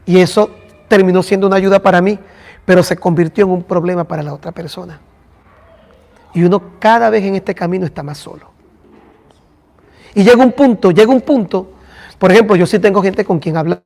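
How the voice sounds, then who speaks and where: High-voiced pastor in echoing hall. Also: male voice, brisk, gravelly, long pauses, darkish tone. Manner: addresses listeners by name, conversational. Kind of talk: church class teaching.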